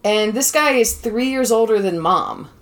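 Laughing a lot, a podcast host and lecturer in her thirties makes casual conversation. Her slightly high voice has lively intonation and an unhurried pace.

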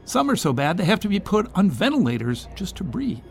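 A man's voice: high-pitched, very animated, brisk, vocal fry, slight background noise. A man narrating a scripted television news feature as a correspondent.

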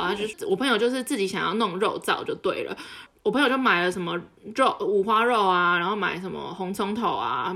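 A young woman, co-hosting a casual podcast and telling a story in a lively way, laughing often. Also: medium pitch. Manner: animated, laughs often while telling stories. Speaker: podcast co-host.

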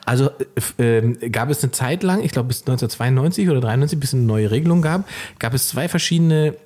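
A man's voice: medium pitch, fast, a little mellow. A man from East Germany in casual, playful chat as co-host, sometimes breaking into song.

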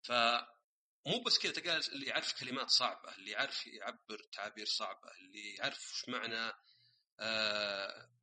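A man's voice: lowish voice, brisk, pushed and bright, rough recording. A man hosting a casual solo podcast, explaining ideas through everyday examples and dropping English words into his speech. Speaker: podcast host.

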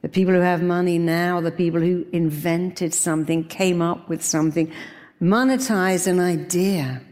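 A woman's voice: lowish voice, steady tone, normal speed, a little mellow. Emphatic woman motivational speaker in a reverberant hall. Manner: emphatic, commanding, repetitive short phrases. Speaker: motivational speaker leading affirmations. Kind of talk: motivational seminar speech with call-and-repeat affirmations. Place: large hall with an audience.

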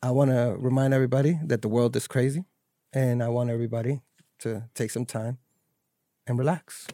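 A man's voice: medium pitch, fairly even intonation, brisk, dark tone, no echo. A man hosting a casual podcast chat, loose and joking, often stumbling and restarting his words. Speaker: podcast host.

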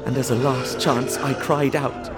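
A young English man voices a frightened character in an audio drama, narrating his ordeal earnestly and tensely over a music score. His natural, medium-pitched voice keeps a level tone and measured pace, and the mood is fearful.

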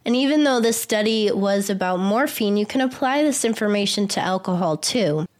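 A woman with a hoarse, sick voice hosting a solo podcast, explaining in an earnest tone. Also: medium pitch. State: hoarse from a cold. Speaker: podcast host.

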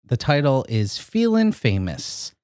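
A man's voice: medium pitch, huge pitch swings, a little slow, darkish tone, no echo, clean studio sound. A man co-hosting a podcast who chats casually, laughs often and reads listener emails aloud. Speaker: podcast co-host.

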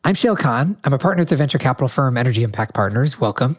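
A man's voice: medium pitch, animated, very fast, breathy edge. A man hosting a podcast interview, talking articulately with a nasal voice from a cold. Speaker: podcast host.

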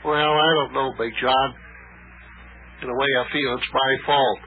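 A man's voice: medium pitch, steady tone, measured pace, phone-quality sound, slight background noise, close to an everyday voice. A middle-aged man playing a kindly taxi driver and inventor in an old radio play, folksy and hesitant. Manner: folksy, hesitant, calls the boy lad. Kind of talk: 1950s radio acting.

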